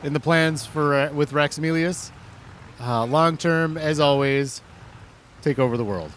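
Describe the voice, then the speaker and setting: A man's voice: fairly high pitch, a little slow, slight background noise. A man casually commenting on his own farming game, rambling and thinking aloud in an easygoing way. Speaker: gaming channel host. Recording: music playing under the voice.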